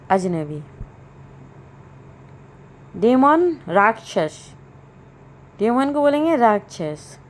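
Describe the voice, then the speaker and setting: Slow, repetitive woman English tutor. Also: on the high side, darkish tone. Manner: repeats each word pair twice, slow and deliberate. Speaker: English teacher. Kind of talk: slow vocabulary drill.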